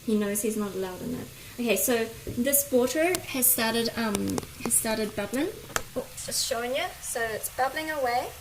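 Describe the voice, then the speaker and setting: A woman with a broad Kiwi accent and a fairly high voice talks casually to livestream viewers as she cooks. She is chatty and informal, picked up on a phone in an echoey home kitchen with clear sizzle and clatter behind her. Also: moderate pace. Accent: broad New Zealand (Kiwi). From New Zealand. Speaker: cooking livestream host. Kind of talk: casual chat while cooking, greeting viewers. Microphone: phone, at a little distance. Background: sizzling pan, stirring, kitchen noise.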